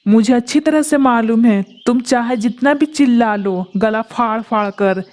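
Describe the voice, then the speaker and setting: A woman's voice: on the high side, moderate pace, a little mellow, voice pushed down, close to an everyday voice. Woman voicing a gloating male eagle predator. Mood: gloating menace. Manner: taunting, boastful threats. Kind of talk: Hindi cartoon voice acting.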